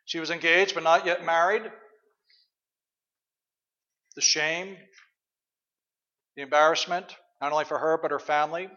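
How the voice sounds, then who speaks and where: A male pastor giving a sermon in a church, conversational and reflective, often pausing on fillers. His voice sits somewhat high for a man. The recording is dull and lo-fi. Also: fairly even intonation, sharp tone, in a large hall.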